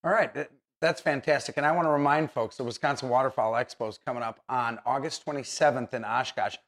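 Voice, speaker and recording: A man's voice: medium pitch, fast talker, a bit bright. A man hosting a casual how-to interview in an encouraging manner. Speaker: host.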